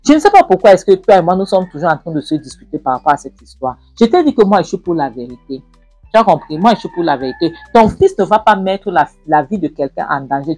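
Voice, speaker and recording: A woman's voice: low-pitched, a little mellow, husky, dry recording. A woman voicing a principled young woman arguing with her mother in exasperation. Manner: pleading, exasperated.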